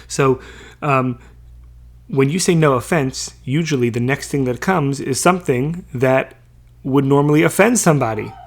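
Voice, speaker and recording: A man teaching a Bible passage in a casual way. He reads each verse slowly, translates it, and checks in with listeners as he goes. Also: mid-range voice, creaky. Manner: chatty, many fillers and checking questions.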